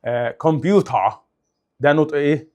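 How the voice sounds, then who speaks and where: A young man with an Egyptian Arabic accent teaching English in a casual, animated way, exaggerating sounds to demonstrate them. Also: a little high, very fast. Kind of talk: casual explanatory lesson.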